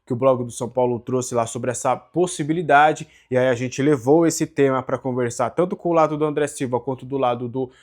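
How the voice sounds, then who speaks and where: A man's voice: medium pitch, fairly quick, few pauses, a little mellow. A Brazilian man with a Brazilian Portuguese accent, a sports journalist giving conversational football news commentary to his viewers. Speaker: sports journalist and channel host.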